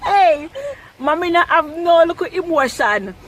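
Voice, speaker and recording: A woman with a Jamaican accent chatting casually and excitably, with lots of exclamations. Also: sits high, moderate pace, a little hiss or hum. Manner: exclamatory, animated. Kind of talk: casual, excitable phone chat.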